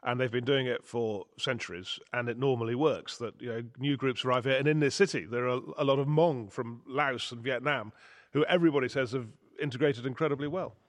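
Brisk male radio news host. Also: medium pitch. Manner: brisk, guiding questions. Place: college hall with live audience.

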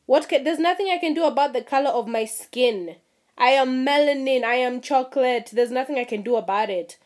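A young woman from Kenya ranting casually to her viewers, animated and laughing, swearing freely and mimicking people. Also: brisk. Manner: animated, swearing, mimics others in high voices, laughs at herself. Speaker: vlogger. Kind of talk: casual rant to camera.

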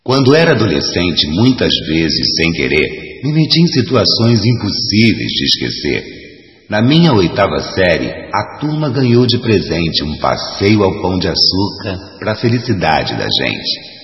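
A man recites a rhymed story in a very low voice that rises and falls dramatically. His voice sounds dull and lo-fi, and it hangs in an echoey space with long reverb. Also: wildly swooping pitch, a little slow. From Rio de Janeiro, Brazil.

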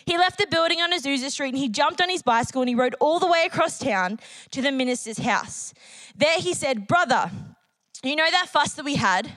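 A woman's voice: high voice, expressive, fairly quick, a bit bright, dry recording, poor audio. A woman preacher giving an earnest sermon at a church service, reading out a testimony and repeating key phrases for emphasis. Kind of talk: sermon with a read-aloud testimony.

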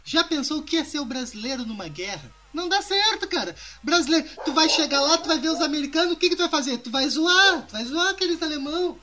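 A man with a high, bright voice co-hosts a rowdy podcast. He builds silly, far-fetched scenarios, swears casually and keeps the banter going with his friends. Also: lively intonation, fast, few pauses. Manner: spins absurd jokey scenarios, swears freely. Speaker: podcast co-host.

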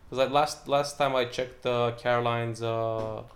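A man's voice: mid-range voice, steady tone, a little slow. A young British man, a stand-up comedian, chatting casually in a rambling way with lots of fillers and restarts. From Britain. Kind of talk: casual chat.

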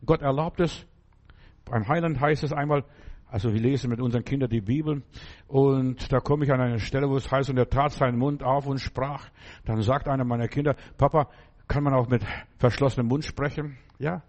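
A man's voice: medium pitch, steady tone, fairly quick, dull audio. A middle-aged man preaching a sermon, exhorting the listener directly and acting out quoted commands with raised voice. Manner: acts out quoted commands loudly.

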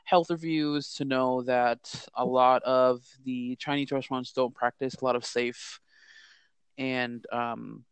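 A man's voice: mid-range voice, steady tone, slow pace, clean tone, no room sound. A man co-hosting a podcast, frank and profane, telling stories in casual chat. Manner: frank, storytelling, swearing. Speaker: podcast co-host.

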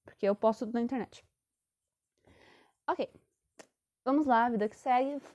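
A woman's voice: fairly high pitch, a little slow, darkish tone. Chatty young Brazilian woman, lo-fi. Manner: chatty, rambling, self-correcting. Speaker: podcaster telling a personal story. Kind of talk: casual storytelling. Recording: dull lo-fi sound.

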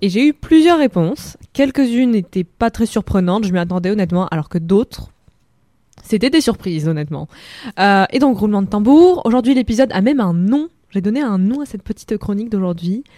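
A woman's voice: medium pitch, expressive, brisk, dark tone, no room sound. An eighteen-year-old woman hosting a film segment on the radio, chatting casually in a playful, joking way from a studio microphone. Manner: playful, lightly joking while listing films.

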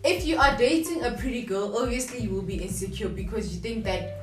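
A woman's voice: on the high side, animated, fairly quick. A woman on a casual panel discussion, explaining her point step by step and checking in with "right?". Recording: roomy studio with music bed.

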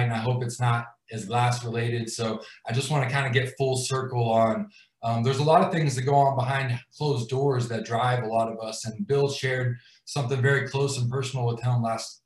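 A man's voice: medium pitch, recorded from a distance. A man in his thirties telling a personal story as guest host on a live stream, rambling with many fillers and restarts. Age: 30s. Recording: roomy sound, away from the mic.

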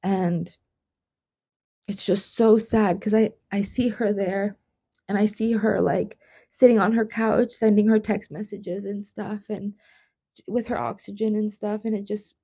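A woman co-hosting a podcast, talking softly and reflectively in casual chat about a hard personal time. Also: medium pitch, steady tone, measured pace, breathy edge. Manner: soft-spoken, emotional, reflective. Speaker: podcast co-host.

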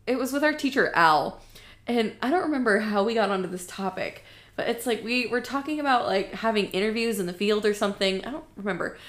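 A woman's voice: medium pitch, expressive, fairly quick. Chatty young woman in an echoey room. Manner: chatty, laughs often, lots of "like" fillers. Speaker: podcast co-host. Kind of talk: casual chat.

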